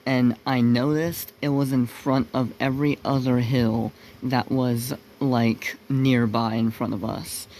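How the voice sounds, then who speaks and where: A young man telling a personal story in a casual, unscripted way, halting and rambling as he searches for words. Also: mid-range voice, a little mellow, slight background noise. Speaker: video creator narrating a personal story.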